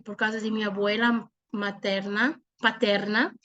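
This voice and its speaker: A Brazilian woman in her forties, a native Portuguese speaker, gives an informal religious testimony in a halting mix of Portuguese and Spanish. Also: mid-range voice, level tone, a bit bright, dull audio. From southern Brazil. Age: 40s. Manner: hesitant, halting, with frequent pauses. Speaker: speaker giving a personal testimony.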